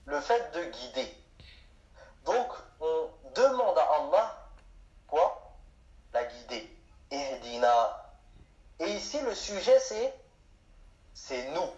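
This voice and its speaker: A man's voice: on the high side, darkish tone. A man giving an explanatory lesson on grammar, asking questions and answering them himself. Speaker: Arabic teacher. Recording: echoey room, dull sound.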